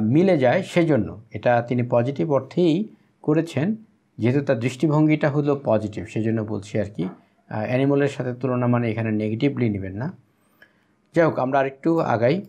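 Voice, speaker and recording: A man from Bangladesh runs an English lesson. He reads each line slowly and carefully, then explains it at length. His voice sits at an ordinary mid pitch. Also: mellow. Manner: teaching pronunciation aloud. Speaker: English teacher.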